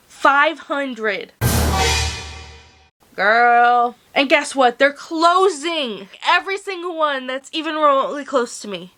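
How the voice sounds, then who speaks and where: A young woman with a high, bright-sounding voice chats to her camera from home. She is slangy and casual, swearing offhandedly as she talks. Her voice comes through a plug-in desk mic. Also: lively intonation, a little slow, few pauses, loud music behind the voice. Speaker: crochet vlogger.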